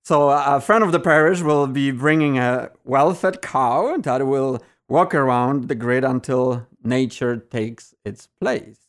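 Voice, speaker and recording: Priest, halting and good-humored. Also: male voice, mid-range voice. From Poland. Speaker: parish priest guest. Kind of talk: interview guest.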